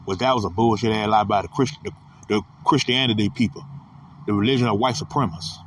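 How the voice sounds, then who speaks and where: A man's voice: on the low side, fairly even intonation, fast talker. A man in his thirties giving a rambling, repetitive, profane motivational monologue as a podcast host. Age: 30s. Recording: distant mic with loud vehicle noise.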